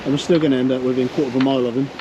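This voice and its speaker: A man vlogging from a sailing boat at sea, chatty and relaxed, with plenty of ums. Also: mid-range voice, very fast, muffled recording. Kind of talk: casual on-board narration. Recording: wind and water noise on a boat.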